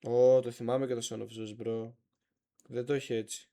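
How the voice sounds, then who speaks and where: A man of middling pitch runs a live stream and talks over the clips in a loose, slangy way. His commentary is relaxed and half-muttered, as if he were chatting with friends. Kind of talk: casual live-stream chat.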